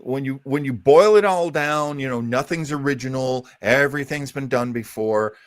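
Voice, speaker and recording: A man's voice: medium pitch, moderate pace, no room sound. A man co-hosting a chat show, talking casually and agreeing often with his guest. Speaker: co-host.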